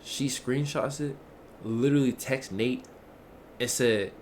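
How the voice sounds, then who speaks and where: A man streamer telling a story casually, animated and profane, laughing often and swinging from low mutters to loud outbursts. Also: slow, a little hiss or hum.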